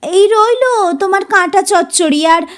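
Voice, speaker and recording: A woman's voice: very high voice, expressive, normal speed, pitched above the performer's own voice. A woman voicing a busy, short-tempered mother who scolds and snaps while cooking. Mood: snapping. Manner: scolding, exasperated.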